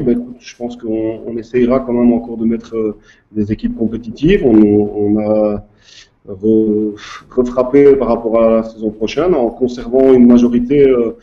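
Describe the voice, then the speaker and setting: A man's voice: medium pitch, highs cut off. A man, a club official answering interview questions hesitantly, with many fillers. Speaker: guest, youth club president.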